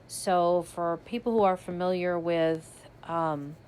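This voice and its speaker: A woman's voice: on the low side, fairly even intonation, takes it slowly, a little mellow, slight background noise. A woman chatting casually as she unboxes a subscription box, describing each item as she pulls it out. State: hiccuping. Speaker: unboxing vlogger.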